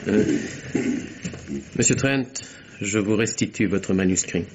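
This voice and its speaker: In a vintage French radio mystery, a male actor with a lowish voice plays an earnest secretary recounting a deadly affair, measured, formal and precise in delivery. His mood is grave and composed, and the old radio recording sounds dull with faint hiss.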